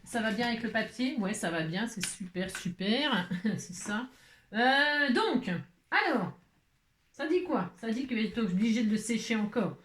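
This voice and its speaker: A woman's voice: on the high side, expressive, measured pace, a bit bright, reverberant. Chatty woman thinking aloud over her crafts. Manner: chatty, thinks aloud, lots of "hein" and "voilà". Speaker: craft video host.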